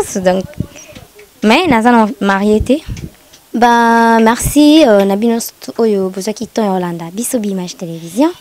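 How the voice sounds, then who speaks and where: A woman's voice: medium pitch, darkish tone, slight background noise. A young woman with a Congolese French accent, a TV presenter talking on camera in an interview, often hesitating and slipping into Lingala. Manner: mixes in Lingala, many hesitations.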